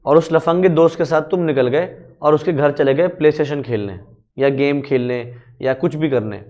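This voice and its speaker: A man teaching a commerce law lecture in a chatty way, explaining with everyday examples, asking his students questions and reading English definitions slowly. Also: a little high, a little mellow, lo-fi sound.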